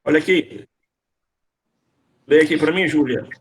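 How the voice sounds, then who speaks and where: A university lecturer with a voice on the high side speaks at a measured pace while teaching a class over video call. He quizzes the students, calls on them by name and patiently repeats his questions.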